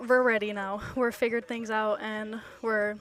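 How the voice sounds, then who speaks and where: A woman's voice: mid-range voice, level tone, unhurried, fairly bright tone. A young adult woman, a college team captain, answering interview questions in short, upbeat sentences.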